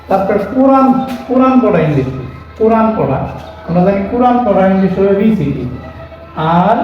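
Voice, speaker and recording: A man's voice: high voice, dull audio. A man teaching English vocabulary, spelling each word letter by letter and asking and answering his own questions. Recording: very echoey room, faint noise.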